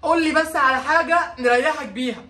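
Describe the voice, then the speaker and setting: A woman playing an exasperated middle-aged Egyptian father in a comedy sketch, talking quickly. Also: sits high, bright, forceful tone, echoey room. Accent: Egyptian Arabic.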